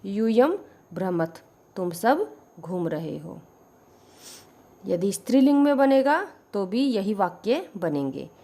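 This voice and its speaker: Slow, lively-pitched teacher woman. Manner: slow, deliberate, repeats each sentence with its translation. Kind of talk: Sanskrit grammar lesson with Hindi explanation.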